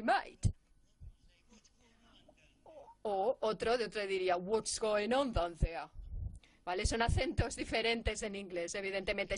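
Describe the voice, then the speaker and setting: A woman's voice: fairly high pitch, no echo. A woman interpreting a lecture, in an earnest, emphatic way with rhetorical questions.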